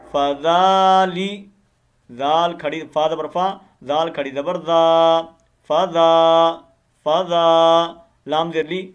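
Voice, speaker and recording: A man teaching tajweed, slowly reciting verses and then explaining the pronunciation faster. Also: fairly high pitch, smooth. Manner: slow drawn-out recitation switching to quick explaining. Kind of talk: tajweed lesson, spelling and reciting word by word.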